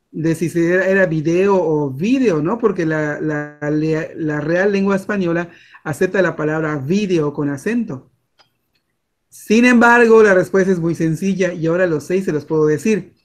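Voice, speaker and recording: A Mexican man teaching a class over a video call, chatty and full of fillers and restarts. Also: a little high. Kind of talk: online class lecture.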